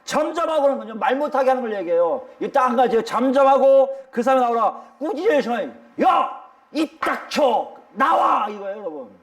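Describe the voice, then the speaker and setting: High, lively-voiced male preacher. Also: quick pace, few pauses. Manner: emphatic, addresses the congregation directly. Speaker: pastor. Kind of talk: sermon.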